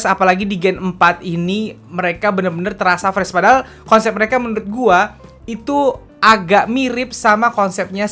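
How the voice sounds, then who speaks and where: An Indonesian man in his late 20s vlogs about K-pop news in a casual solo commentary, chatty and confessional, full of slang and often ending lines with "gitu." His voice sits high and sounds a bit bright.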